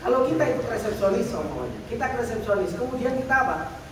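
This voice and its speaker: A man's voice: sits high, lively intonation, fast talker, over a noisy crowd. A man giving a religious lecture, asking rhetorical questions and answering them himself. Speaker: Islamic teacher. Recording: echoey room, distant mic, faint noise.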